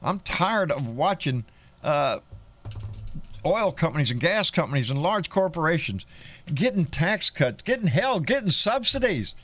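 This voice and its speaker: A man's voice: on the high side, big pitch swings, a little slow, fairly bright tone. Twangy Texan man, salty talk-show host. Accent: Texan country twang. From Texas. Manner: folksy, profane, many restarts. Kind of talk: live political call-in chat.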